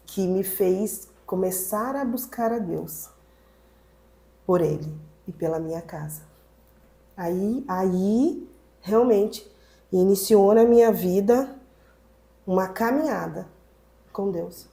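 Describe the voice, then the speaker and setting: A woman pastor telling her personal testimony in a podcast conversation, animated and acting out what people said. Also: lowish voice, creaky. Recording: roomy echo.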